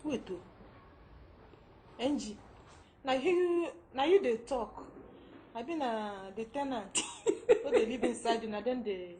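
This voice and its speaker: A woman with a Nigerian accent playing a fed-up young wife in a film drama. She is loud, animated and laughs often. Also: fairly high pitch, slow, pauses often, a little hiss or hum. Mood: mocking. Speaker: film actor.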